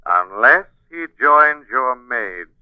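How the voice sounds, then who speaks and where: An actor playing a taunting, menacing unseen avenger with slow, mocking theatrical delivery in a 1940s radio drama. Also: male voice, mid-range voice, lively intonation, clean tone, no room sound, lo-fi sound. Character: menacing, taunting male shadowy avenger, unseen crime fighter. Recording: old 1940s radio broadcast.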